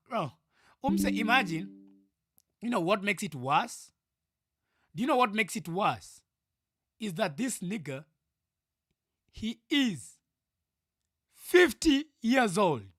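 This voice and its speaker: This livestream reaction rant comes from a young Kenyan man in his twenties whose voice sits high and sing-song, slow and full of pauses. He's loud, heated and keeps repeating himself, often falling to mutters, in a studio-quality recording without room sound.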